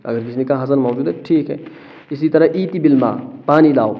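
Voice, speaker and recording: Man, teacher, explanatory lesson, rhetorical questions, hesitant fillers, mid pitch, slightly dull lo-fi sound. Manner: asks rhetorical questions then answers them; checks in with listeners, hesitant fillers. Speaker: Arabic grammar teacher.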